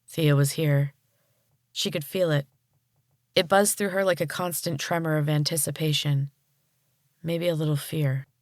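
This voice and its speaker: A woman podcast host narrating a storybook chapter in a calm, measured way. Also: sits low, no room sound, clean studio sound.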